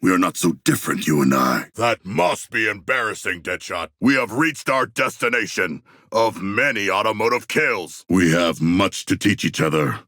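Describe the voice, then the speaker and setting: A proud shark demigod for a video game, low and rough-edged with a forceful bite. The creature speaks in stately, formal phrases, earnest and grandiose. The recording is dry and close. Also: male voice, lively intonation, moderate pace, few pauses, dry recording, full character voice. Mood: calm, earnest. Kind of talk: video game character voice lines.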